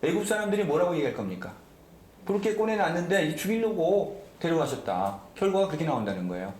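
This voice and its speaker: Korean pastor guy preaching, lively up and down voice, echoey church room. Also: a little high, quick pace. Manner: emphatic, asks the congregation questions. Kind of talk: sermon. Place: church sanctuary.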